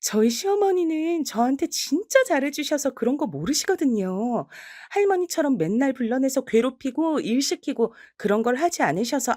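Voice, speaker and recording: A woman's voice: on the high side, no echo, clean studio sound, pitched above the performer's own voice. A woman voicing a bold, outspoken teenage granddaughter who argues sharply and indignantly.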